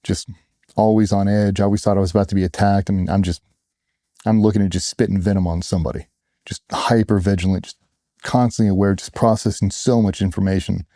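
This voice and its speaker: A man's voice: sits low, steady tone, quick pace, dark tone, no echo, clean studio sound. A middle-aged man, a former soldier, telling his own story in a blunt, casual way, acting out what others said. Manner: blunt, casual, with acted-out quotes. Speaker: interview guest, former Navy SEAL. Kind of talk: candid personal storytelling.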